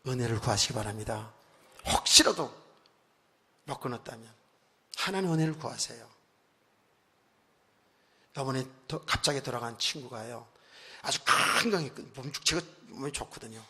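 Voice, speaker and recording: A male pastor preaching a conversational sermon, telling stories with frequent asides, moving from quiet remarks to loud emphatic bursts. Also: medium pitch, normal speed, long pauses, husky. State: recently worn out and hoarse. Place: church sanctuary. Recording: long church hall reverb.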